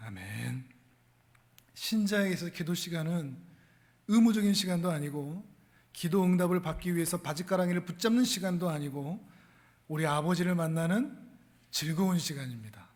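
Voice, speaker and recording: A man preaching a sermon as pastor, moving from quiet asides to loud, forceful emphasis. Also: high voice, brisk, big-room sound.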